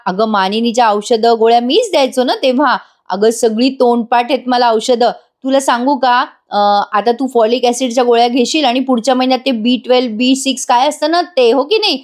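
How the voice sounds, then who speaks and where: Brief: woman reading a cheerful, doting older man, fatherly and teasing, a bit high-voiced. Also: brisk, few pauses, darkish tone, close to an everyday voice. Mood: jovial. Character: affectionate older father-in-law, man, jovial.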